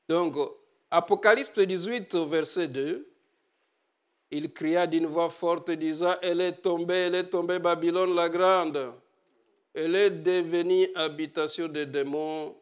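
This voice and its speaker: A man preaching a sermon with a high-pitched voice and an unhurried, deliberate pace. He is animated, rising to loud exhortation and then dropping to quiet asides.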